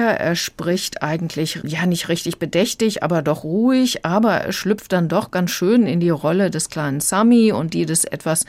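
Low-voiced woman reviewing a book. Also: no echo. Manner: calm, reflective, laughs lightly. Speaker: book critic.

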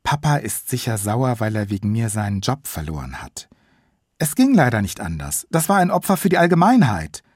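An earnest, guilt-ridden young boy telling his own story, read by a man voicing his own book. The delivery stays calm and plain, with a husky texture and a lively rise and fall. The sound is close and dry. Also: fairly low pitch, moderate pace, dry recording, exaggerated voice. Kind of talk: audiobook reading by the author.

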